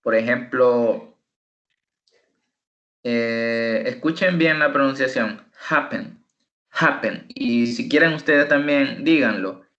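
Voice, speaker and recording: A male English tutor teaches an online class slowly and deliberately, repeating words for pronunciation drills. His voice is medium-pitched and fairly bright, picked up by a computer microphone in an echoey room, and the audio sounds dull.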